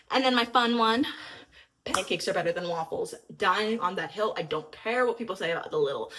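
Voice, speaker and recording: A woman's voice: mid-range voice, fairly bright tone. A young woman vlogger in a casual, upbeat chat to camera, a little out of breath and using lots of fillers. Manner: chatty, upbeat, filler-heavy. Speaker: lifestyle vlogger.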